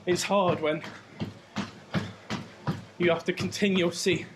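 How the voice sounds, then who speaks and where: High-voiced man talking while running on treadmill. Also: fairly even intonation, slow pace. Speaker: vlogger. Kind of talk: casual chat to camera. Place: indoors at home, on a treadmill. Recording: clear background noise of treadmill, clicks.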